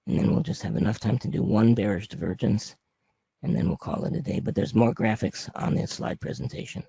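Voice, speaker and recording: Hoarse guy teaching off slides, super crackly low-ish voice, raspy and papery, kinda muffled audio. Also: a little fast, dark tone. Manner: plain-spoken, step-by-step, conversational. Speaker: trading instructor presenting a webinar. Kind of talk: informal slide presentation.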